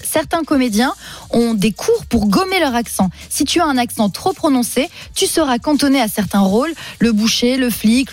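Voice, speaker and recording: High-voiced woman from southwestern France. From Toulouse, southwestern France. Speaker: radio show contributor reading listener messages. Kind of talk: reading messages and chatting on air.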